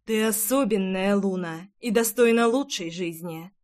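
A woman reading an audiobook voices the heroine's bossy friend, who scolds and teases in slow, drawn-out words. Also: mid-range voice, darkish tone, lightly acted. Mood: scolding. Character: bossy, teasing adult female friend.

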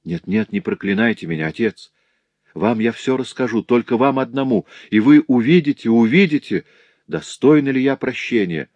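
A man's voice: medium pitch, lively intonation, normal speed, a little mellow, dry recording, dull audio, pitched above the performer's own voice, close to an everyday voice. A man voicing a young woman who pleads desperately with her father, in an audiobook reading. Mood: imploring. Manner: sobbing, imploring outcries. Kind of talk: audiobook character voice.

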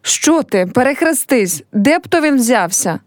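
A woman's voice: high-pitched, sing-song, a little slow, no room sound, clean studio sound, pitched above the performer's own voice. A woman reading a play aloud and voicing a young village girl who is heartbroken and proud, speaking in a pleading, reproachful way.

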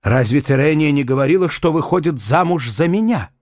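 A man's voice: on the high side, lively intonation, brisk, darkish tone, dry recording, voice pushed up, natural voice. An earnest young suitor pleads his case, his voice pushed up and swinging widely, as the narrator acts him out. He sounds lovesick and urgent, and the recording is close and dry. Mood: pleading.

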